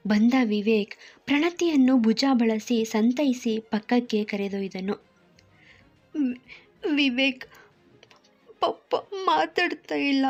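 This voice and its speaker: A woman's voice: fairly high pitch, husky. A woman narrating an emotional serialized family story in a heartfelt tone. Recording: muffled lo-fi with soft music.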